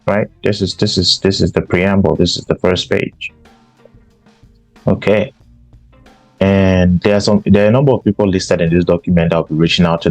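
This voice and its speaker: A man's voice: low-pitched, a little mellow, dry recording, low-quality recording. A man from Cameroon, hosting a podcast and giving an emphatic political commentary monologue. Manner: emphatic, repeats himself for stress. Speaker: podcast host.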